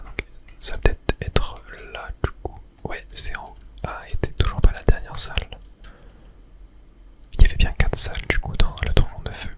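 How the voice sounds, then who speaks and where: A gaming ASMR creator and host whispers the whole way through, close to the mic. Hushed and unhurried, they narrate their own gameplay as it happens.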